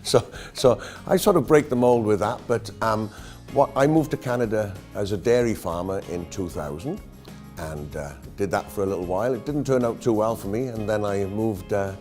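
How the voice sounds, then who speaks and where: A Welsh man in his fifties with a fairly low voice, telling stories in a relaxed, jokey way and poking fun at himself. Music plays clearly behind him. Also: normal speed. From Wales. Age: 50s. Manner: jokey, self-deprecating storyteller. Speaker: entertainer. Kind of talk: casual interview answers.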